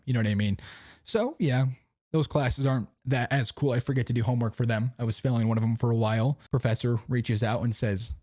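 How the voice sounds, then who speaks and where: A man's voice: medium pitch, mellow, dry recording, clean studio sound. A young man hosting his own podcast, talking casually and rambling in slang, often asking "you know what I mean". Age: young adult. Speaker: podcast host. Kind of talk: casual chat. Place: home recording setup.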